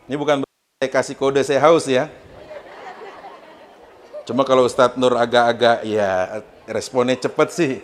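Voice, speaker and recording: A man's voice: medium pitch, measured pace, pauses often, a faint crowd, slight background noise. A male Islamic preacher with a Betawi accent, delivering a humorous sermon and chatting with his audience. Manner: jokey, animated, chatty with the audience.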